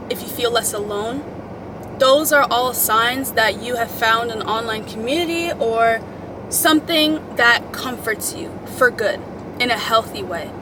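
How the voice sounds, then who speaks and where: Young woman w kinda high voice giving casual pep talk, emphatic girly slang, noticeable car/outside noise. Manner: chatty, emphatic girl-talk with swearing and pet names. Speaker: vlogger giving advice to followers. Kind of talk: casual motivational chat to the audience.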